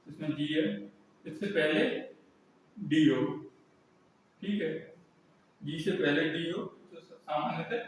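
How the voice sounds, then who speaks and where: This male English teacher speaks a little high while teaching a class, asking himself questions and then answering them. Picked up by a distant mic in an echoey room, the audio carries a faint hiss or hum.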